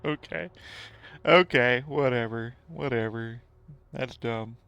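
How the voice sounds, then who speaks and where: A man's voice: mid-range voice, slow pace, gravelly, fairly bright tone, smooth, muffled recording. A man live-streaming a game, chatting casually to his viewers, rambling and laughing often. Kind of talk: casual live-stream chat while gaming.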